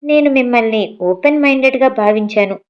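A woman reading aloud puts on a college-age daughter in an audio story, earnest and firm. The voice sits a little higher than the narration. The recording sounds dull and lo-fi. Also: a little fast, close to an everyday voice.

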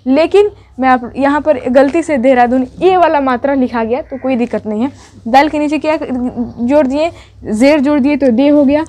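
High-voiced woman teaching Urdu writing. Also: dark tone. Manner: patient, explains each step aloud, corrects herself mid-lesson. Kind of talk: step-by-step writing lesson.

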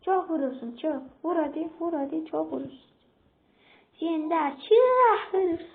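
A woman giving casual, excitable commentary while playing a game and talking back to opponents on screen. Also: very high-pitched, measured pace, vocal fry. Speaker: gameplay streamer. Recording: tinny phone-like audio.

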